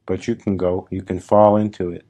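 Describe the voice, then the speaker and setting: This man leads a guided meditation as a spiritual teacher, offering brief, softly instructive phrases and leaving long, relaxed silences between them. His voice is low and barely moves in pitch.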